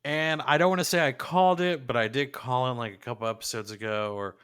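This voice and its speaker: A man's voice: mid-range voice, fast talker, a bit bright, smooth. A man co-hosting a podcast, chatting casually and enthusiastically about an anime episode like a gushing fan. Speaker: podcast co-host.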